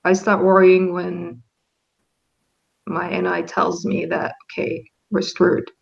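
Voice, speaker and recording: Speaking slowly and flatly, the Finnish woman has a gravelly voice on the low side, captured in dull audio. As a guest in a casual talk, she reflects carefully, with many hesitations and restarts.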